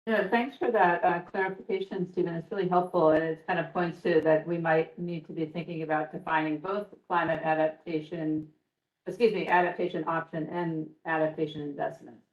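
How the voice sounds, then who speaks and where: A woman's voice: deep voice, steady tone, brisk, lo-fi sound. A woman presenting at a virtual workshop, answering in an easygoing, appreciative way. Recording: roomy sound from far mic.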